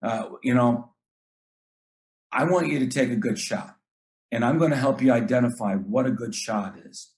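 A man's voice: mid-range voice, normal speed, long pauses, darkish tone. A middle-aged man, a basketball coach, talking earnestly in casual chat, often repeating words and acting out what he tells his players.

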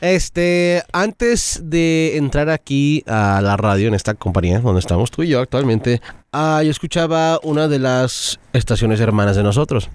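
A man's voice: mid-range voice, lively intonation, normal speed, smooth. A man, a radio host telling stories in casual, joking podcast banter and slipping into English now and then. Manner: joking storyteller, mixes in English.

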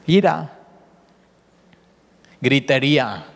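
Man, pastor, sermon, animated preaching, repeats words, mid pitch, long hall reverb. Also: very slow, vocal fry.

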